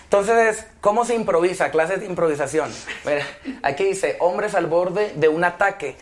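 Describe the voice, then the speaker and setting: A young man with a Mexican Spanish accent, a rapper chatting casually as a guest and telling slangy, animated stories. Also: high-pitched, a little hiss or hum. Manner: animated, slangy, fast-riffing storyteller. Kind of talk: casual chat.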